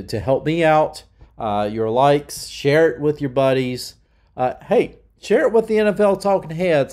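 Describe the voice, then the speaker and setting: Warm and mid-range, this middle-aged man's voice carries a heated, emphatic rant on the channel he hosts. Illness has left him sounding nasal.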